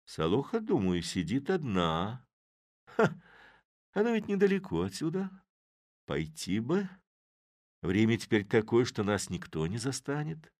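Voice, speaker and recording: A man's voice: mid-range voice, wildly swooping pitch, measured pace, long pauses, a little mellow, no room sound, clean studio sound, voice pushed up. Man doing a grumbling sly old Cossack. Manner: muttering and scolding to himself.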